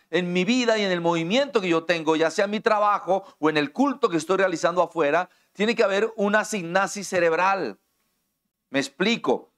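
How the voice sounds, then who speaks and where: Man, Colombian accent, middle-aged, sermon, direct conversational preaching, somewhat high voice. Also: fairly bright tone. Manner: direct, conversational preaching that addresses listeners personally; explains with everyday examples and acts out quoted dialogue. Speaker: pastor.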